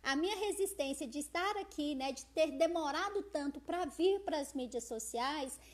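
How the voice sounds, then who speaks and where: A Brazilian woman with a Brazilian accent, talking loudly and expressively to viewers on a phone live stream. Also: high voice, normal speed. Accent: Brazilian Portuguese. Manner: loud, forceful, expressive, chatty, reads out viewer comments. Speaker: social media live host. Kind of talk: casual live-stream talk.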